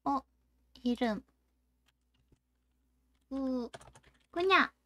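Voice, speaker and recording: A woman streaming a story game, reading its narration aloud in a steady storytelling voice. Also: high voice, drawn-out words. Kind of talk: let's-play reading game text aloud.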